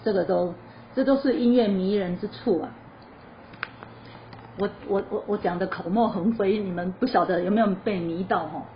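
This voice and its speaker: A woman's voice: mid-range voice, moderate pace. Woman teaching choir singing, chatty. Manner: lively explanatory, sings short demo phrases; chatty, asks questions then answers them. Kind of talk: spoken music lesson. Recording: slightly dull lo-fi recording with faint noise.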